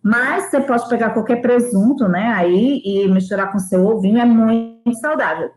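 A woman from Brazil, an English teacher in a live online lesson for children, slowly repeating words for them to copy and calling herself auntie. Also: fairly high pitch, darkish tone, roomy sound, low-quality recording. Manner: slow, drawn-out repetition of words for children to copy; calls herself auntie and reads out viewers' names. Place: home kitchen.

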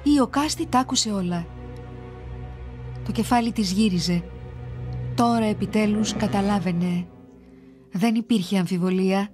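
Woman narrating a myth over soft music. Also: mid-range voice. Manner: steady, measured storytelling. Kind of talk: scripted narration for a children's myth series.

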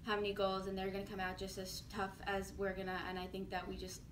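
A woman's voice: medium pitch, completely flat delivery, fast. Young woman athlete in echoey room. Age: young adult. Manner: casual, says like and um. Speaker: college athlete. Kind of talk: press conference answers. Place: office-like room, indoors. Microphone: far camera. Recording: echoey room, far mic, noise.

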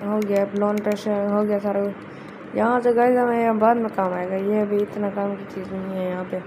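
A woman's voice: mid-range voice, normal speed. Chatty woman narrating her gameplay. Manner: chatty, keeps addressing viewers as guys. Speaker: gameplay video host. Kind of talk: casual let's-play commentary. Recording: steady background noise.

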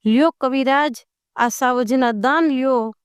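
A woman voicing a calm, fearless warrior king who speaks in a commanding way in a folk tale. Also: high voice, measured pace, clear, resonant tone, no room sound, clean studio sound.

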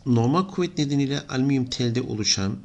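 A man's voice: mid-range voice, lively intonation, fast, gravelly, a little mellow, lo-fi sound. A middle-aged man giving an engineering lesson, explaining steadily and thinking aloud as he writes. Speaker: engineering lecturer. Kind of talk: whiteboard lesson.

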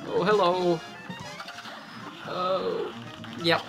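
A let's play gamer giving excitable gameplay commentary and exclaiming often while playing. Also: medium pitch, very slow, gravelly, music in the background.

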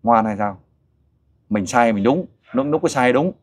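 A middle-aged man hosting a casual interview, coaxing and animated as he questions a child and a father. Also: mid-range voice, normal speed, slightly rough. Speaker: host interviewer for a volunteer group.

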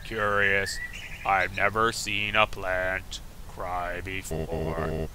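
A man voicing a large, kindly old goat-monster king in a slow, soft, grandfatherly drawl. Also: low-pitched, level tone, slight background noise, pitched below the performer's own voice, heavily acted. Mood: gentle, kindly.

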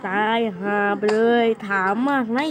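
A woman's voice: unhurried, slight background noise, rough recording. A woman voicing characters in a homemade cartoon, full of crude slangy banter and swearing.

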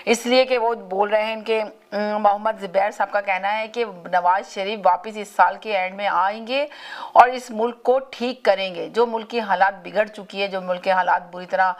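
A woman's voice: medium pitch, steady tone, moderate pace. Talk show host woman with lilt. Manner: repeats and restarts phrases while urging callers to speak politely. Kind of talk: live call-in talk show.

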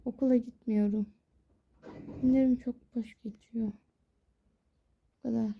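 In a bedroom at home, a young woman vlogs a casual, exasperated rant about studying for her exams. Her voice sits on the high side, creaky and slightly rough, with fairly even intonation and an unhurried pace. The sound has a phone-like quality.

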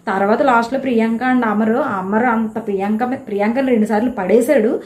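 A woman giving a casual, animated recap of a reality show episode, telling who quarreled with whom. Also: on the high side, a little fast. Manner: chatty, animated retelling of quarrels. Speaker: show reviewer. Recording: echoey room.

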